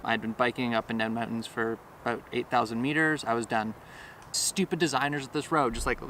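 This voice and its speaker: An American man from Minnesota, a touring cyclist, telling road stories in a frank, animated way. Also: mid-range voice, a little hiss or hum. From Minnesota, United States. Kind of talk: interview recollection.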